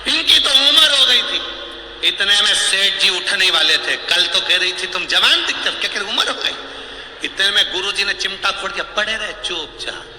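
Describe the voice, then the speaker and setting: A man delivers a devotional sermon in a bright, piercing voice pitched a little high, spinning a comic tale and slipping into each character's voice. He is recorded in a big, resonant hall with a long reverb tail and faint ambience behind him. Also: moderate pace, slight background noise. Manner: lively storytelling, acting out characters' voices; humorous, teasing asides. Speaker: religious storyteller preacher.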